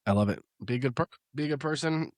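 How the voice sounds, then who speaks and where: A man's voice: mid-range voice, quick pace, no room sound, studio quality. Sick hiccuping man hosting a podcast. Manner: easygoing, joking. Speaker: podcast host. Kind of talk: casual chat.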